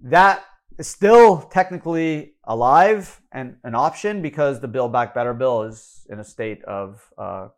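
A man with a Canadian accent explaining retirement contribution limits, brisk and number-heavy, correcting himself as he goes. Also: medium pitch, lively intonation. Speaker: financial educator. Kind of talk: explanatory talk.

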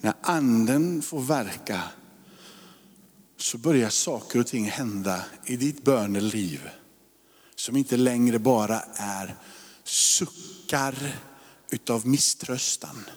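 A man in his forties, a pastor preaching a sermon, rising to loud emphasis and dropping to hushed whispers. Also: medium pitch, long pauses, husky. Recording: long hall reverb.

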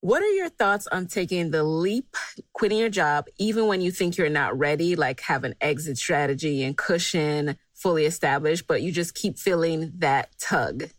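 A woman hosts a podcast interview, affirming her guest and steering the conversation. Her voice sits lower than most. The sound is dry and close. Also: animated, normal speed, no echo. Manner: warm, affirming, guides the questions. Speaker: podcast host.

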